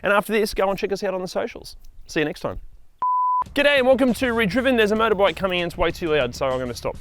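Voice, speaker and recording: A man with an Australian accent presents a used car review outdoors beside a car, upbeat and animated, swearing when he fluffs his lines. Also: high-pitched, quick pace, background noise.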